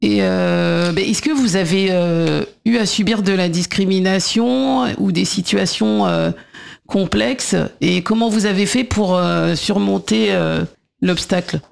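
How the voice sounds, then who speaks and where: A man hosting a radio talk show, asking questions with frequent hesitations. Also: high-pitched. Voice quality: gravelly, hesitant with many pauses.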